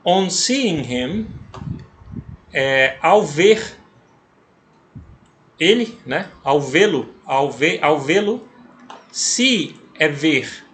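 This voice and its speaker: A man from Brazil teaching English by reading a story aloud and explaining it slowly and patiently, often checking that the listener follows. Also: fairly high pitch, animated, fairly bright tone. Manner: slow and patient, with frequent checking tags. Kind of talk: explaining a text as an English lesson.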